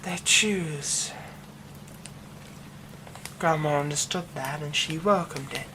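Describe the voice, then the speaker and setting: In an ASMR roleplay, a man plays a menacing yandere werewolf who was once a childhood friend, speaking in slow, soft, threatening whispers. His voice sits on the high side, with background noise present.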